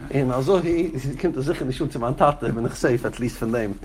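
A man's voice: mid-range voice, brisk, a little hiss or hum. A man teaching a Torah class as a rabbi, speaking directly to his students and chanting quoted texts in a raised, sing-song voice. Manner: addresses students directly by name.

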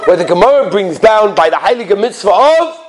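A man's voice: high voice, lively intonation, a little fast, a little hiss or hum. A man with a Yiddish-influenced American accent teaching a religious class as a rabbi, in a sing-song questioning manner with emphatic repetition. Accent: Yiddish-influenced American English. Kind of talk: animated religious lesson with rhetorical questions.

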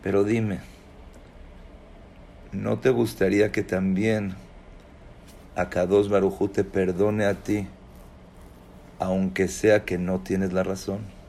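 A man's voice: low-pitched, little pitch movement, slow, creaky, long pauses, warm tone, a little hiss or hum, full character voice. A man voicing coaxing rabbinic sages. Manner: coaxing, emphatic. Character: gentle persuasive male rabbinic sages.

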